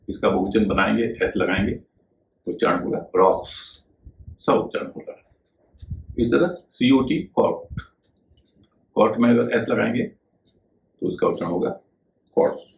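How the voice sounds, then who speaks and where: A man with a low voice teaches pronunciation in a calm, measured way. He spells words out letter by letter before saying them. His voice rings in an echoey room over a faint background hiss. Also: gravelly. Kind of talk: explanatory video lesson.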